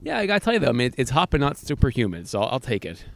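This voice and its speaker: A man's voice: rapid-fire, vocal fry. A man hosting a casual podcast, telling stories animatedly on an outdoor deck. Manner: animated storyteller, jumps to high pitch for quoted reactions. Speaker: podcast host. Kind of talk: casual chat.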